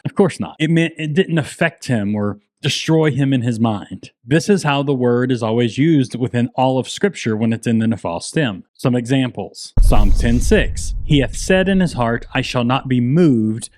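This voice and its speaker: A man's voice: mid-range voice, darkish tone. A man hosting an explainer video, delivering scripted commentary in an emphatic, sarcastic way with rhetorical questions. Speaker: host of a Bible-explainer video channel.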